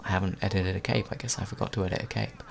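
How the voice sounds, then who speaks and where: A British man giving a hushed, close-up commentary right in the listener's ear, with dry, self-deprecating humour, like a video game YouTuber. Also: deep voice, fairly even intonation, racing, gravelly, a little hiss or hum. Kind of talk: hushed close-up commentary over gameplay, ASMR-like.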